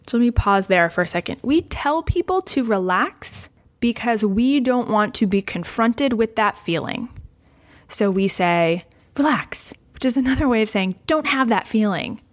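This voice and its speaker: A woman explaining a step-by-step coping technique in a calm, conversational way, with frequent casual asides. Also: fairly high pitch, normal speed. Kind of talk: explanatory talk to camera.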